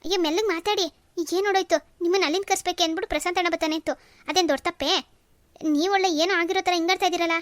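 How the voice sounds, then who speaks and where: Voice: very high-pitched, fairly even intonation, rapid-fire, fairly bright tone, dry recording, pitched above the performer's own voice. One performer voicing a pleading young wife. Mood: defensive. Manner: pleading, defensive. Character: worried young wife and new mother. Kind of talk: cartoon voice acting.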